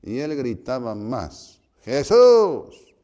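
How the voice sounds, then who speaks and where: A man, a priest, giving a spiritual retreat conference, telling stories and acting out voices with sudden shouts. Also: fairly low pitch, expressive, unhurried, vocal fry, lo-fi sound. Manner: storytelling, acts out voices with loud shouts.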